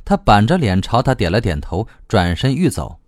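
A man narrating a novel as an audiobook, reading in a lively, expressive way. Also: fairly low pitch, normal speed, dry recording, studio quality.

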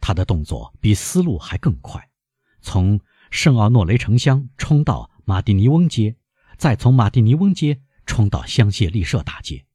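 A man narrating a novel in an expressive, dramatic reading. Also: lowish voice, normal speed, slightly rough, no echo, clean studio sound. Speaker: audiobook narrator.

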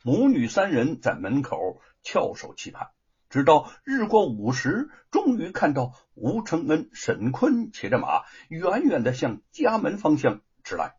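A man narrating a spoken storybook in a lively, animated way. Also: on the high side, measured pace, husky, highs cut off.

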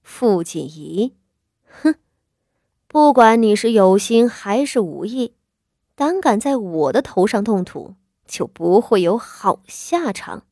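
A woman's voice: medium pitch, sing-song, a little mellow, no echo, studio quality, full character voice. Woman doing a sneering scheming stepmother. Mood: gloating, menacing. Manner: slow, sneering, menacing.

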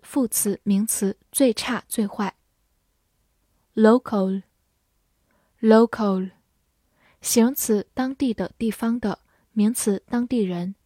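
A woman runs a vocabulary lesson in a somewhat high voice, saying each English word slowly twice before reading its meanings. Her pace stays slow and deliberate, and the recording is close and dry. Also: darkish tone, no room sound.

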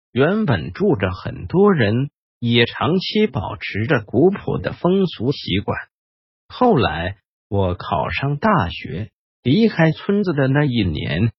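A man hosting and narrating a ghost story in a slow, hushed storytelling manner. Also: medium pitch, husky, no room sound, lo-fi sound. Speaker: host and storyteller.

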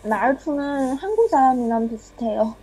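A woman's voice: sits high, animated, moderate pace, crowd noise, low-quality recording. A young woman from China speaking Korean with a Chinese accent as an interview guest, hesitant and self-deprecating in casual chat. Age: young adult.

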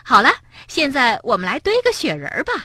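A woman voicing a playful, stubborn young male rabbit in a children's storybook, with excited, shrill calling. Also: fairly quick, dry recording, clean studio sound, full character voice.

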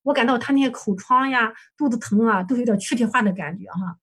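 A woman's voice: on the high side, quick pace, fairly bright tone, slightly rough. A woman counselor presenting a client case for supervision, recounting session dialogue hesitantly with many fillers and self-corrections.

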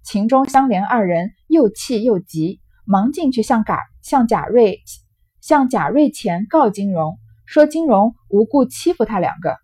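A woman with a mellow, relaxed voice reads from a classic novel and talks it through in a loose, explanatory way. She breaks in with fillers and asides. Her voice is recorded dry and close, with no room sound. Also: a little high, a little slow, slightly rough, dry recording. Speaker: reader and commentator on a classic novel.

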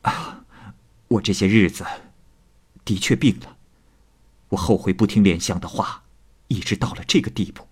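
A man playing a stubborn, lovesick young scholar who speaks low and tenderly. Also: normal speed, pauses often, slightly rough. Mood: weak regret.

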